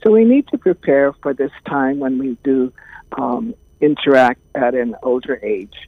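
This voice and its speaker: A woman, speaking as an interview guest in a calm, thoughtful way with many pauses. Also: a bass voice, no echo. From Hawaii. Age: 70s. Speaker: guest, caregiving trainer. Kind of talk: casual interview talk. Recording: tinny phone line.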